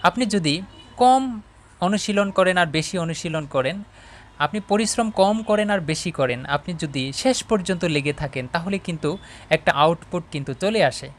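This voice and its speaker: A man from Bangladesh teaching English in an online video lesson, talking straight to his students and checking often that they follow. When he reads English passages aloud, he slows right down and takes them word by word. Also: sits high, lively intonation, slight background noise. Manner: talks to viewers as students, often asking "all right?".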